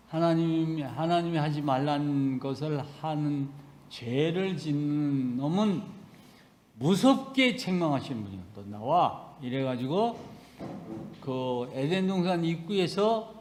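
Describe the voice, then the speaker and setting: A man preaching a sermon as pastor, in a slow, conversational way, acting out dialogue. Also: on the high side, a little mellow. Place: church sanctuary. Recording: long hall reverb.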